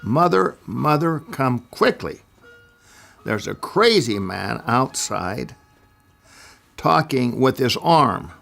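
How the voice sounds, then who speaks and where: A man with a gravelly voice voicing a frightened young girl who runs off calling urgently for her mother. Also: mid-range voice, very animated, slow, pauses often, a bit bright, faint music behind, pitched above the performer's own voice, heavily acted. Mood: alarmed.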